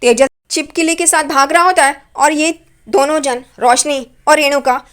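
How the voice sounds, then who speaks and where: A woman's voice: high-pitched, steady tone, normal speed, fairly bright tone. A woman casually retelling a TV serial episode in a chatty, loose storytelling manner. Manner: chatty, loose storytelling with repeated "here" fillers. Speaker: serial recap narrator.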